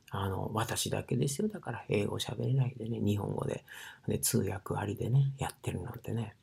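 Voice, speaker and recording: Husky, gravelly man with an Osaka dialect. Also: lowish voice, darkish tone. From Osaka, Japan. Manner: rambling, many fillers, often drops to a breathy near-whisper. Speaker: sauna ambassador. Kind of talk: casual monologue.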